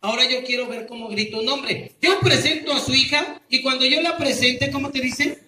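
A man with a Mexican accent performing as a street clown, teasing and calling loudly to an outdoor crowd. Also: very high voice, moderate pace. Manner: loud, teasing, calling out to the audience. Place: outdoor public square. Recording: echoey, distant and noisy.

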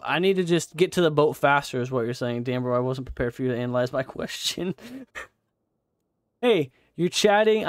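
A man's voice: medium pitch, clear, resonant tone, no echo, clean studio sound. A young man live-streaming a game, chatting casually with viewers, swearing and laughing as he plays. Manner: swears and laughs often, reacts loudly to gameplay.

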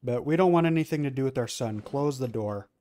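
A man's voice: medium pitch, a little fast, warm tone. A man giving casual, rambling commentary on his gameplay, full of fillers and restarts. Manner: rambling, filler-heavy, self-correcting. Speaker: let's play gamer.

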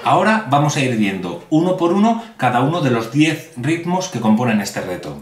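A man's voice: mid-range voice, sing-song, distant mic. Friendly man teaching a clapping rhythm. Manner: friendly, slow and clear, addresses viewers directly. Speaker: music teacher. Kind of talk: video tutorial, clapping rhythm chants. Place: indoors at a table. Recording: roomy sound with music behind.

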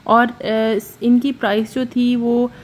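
Chatting casually as she narrates her shopping vlog, this woman often hesitates with filler noises and mixes in bits of English. Her pitch leans high.

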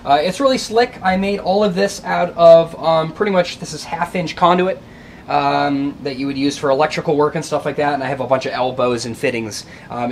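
A man giving a relaxed, rambling walkthrough of his home basement workshop, with lots of ums and uhs, recorded on a camera mic. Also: a little high, a little hiss or hum. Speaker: guitar builder showing his workshop.

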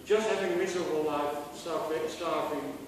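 A man's voice: a little high, fairly even intonation, normal speed, slight background noise. A middle-aged man with a Dutch accent giving a university lecture, asking students rhetorical questions and often restarting his phrases. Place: large lecture hall. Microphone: far camera. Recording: echoey hall recorded from far off.

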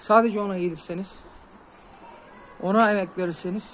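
A man's voice: sits high, fairly even intonation, brisk, poor audio. Earnest man talking on a rooftop. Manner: earnest, advising, calls pigeons with soft hissing sounds. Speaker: pigeon keeper hosting his channel. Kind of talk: casual vlog talk to viewers. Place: outdoor rooftop with pigeon lofts.

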